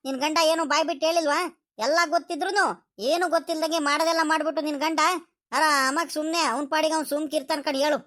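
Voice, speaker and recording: A woman's voice: high voice, flat delivery, fairly bright tone. A woman voicing a scolding village father. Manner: scolding, rapid. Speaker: father in a family cartoon. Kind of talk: village comedy cartoon acting.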